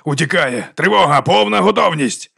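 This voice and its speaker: A man voicing a hot-headed, excitable police officer who shouts orders in an audiobook. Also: a little high, moderate pace, creaky, slightly rough, pitched above the performer's own voice, heavily acted. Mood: alarmed. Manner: shouting, agitated.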